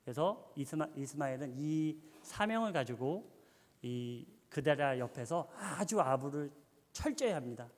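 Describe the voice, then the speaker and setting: A man's voice: a little high, lively intonation, measured pace. A man preaching a sermon, telling a story with animation and quizzing his audience. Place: church. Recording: long church hall reverb.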